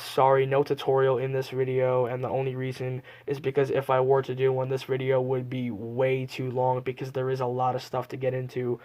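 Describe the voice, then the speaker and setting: A man's voice: medium pitch, darkish tone. A man presenting as a card magician, explaining each step to viewers in a patter-like way. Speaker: card magician and video host. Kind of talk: card trick performance narration, addressed to viewers. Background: music.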